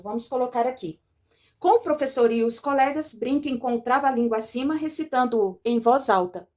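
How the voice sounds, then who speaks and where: A woman teacher talks through a textbook lesson in a slightly high voice. She explains step by step with patience, often pausing to ask her pupils if they follow. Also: darkish tone. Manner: patient, explanatory, checks in with "certo?" and "tá?". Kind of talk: recorded remote lesson walking through a textbook.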